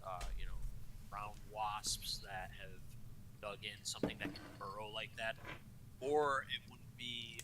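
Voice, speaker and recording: A man running a tabletop game as game master, improvising narration in a hesitant, halting way. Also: fairly low pitch, sharp tone, a little hiss or hum, low-quality recording.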